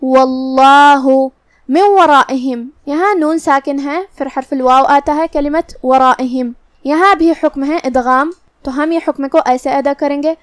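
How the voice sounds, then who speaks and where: A woman's voice: sits high, fairly even intonation, no room sound, clean studio sound. A woman with an Urdu accent teaching Quran recitation rules, explaining patiently and methodically, step by step. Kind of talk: tajweed lesson, explaining rules slowly.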